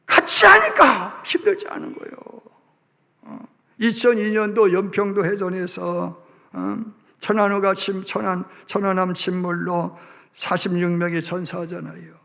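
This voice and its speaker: High, gravelly preacher in a hall. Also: male voice, measured pace. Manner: animated storytelling that acts out voices. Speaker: pastor. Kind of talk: sermon. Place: church sanctuary. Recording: reverberant church sanctuary.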